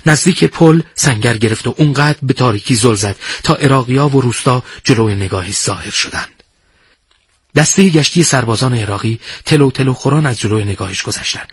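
A man narrating a dramatic war story in a measured, hushed storytelling manner. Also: medium pitch, slightly rough, no room sound.

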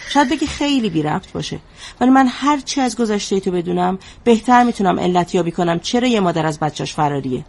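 An actress playing a female therapist who asks calm, probing questions. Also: medium pitch, vocal fry. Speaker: psychologist. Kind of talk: drama dialogue.

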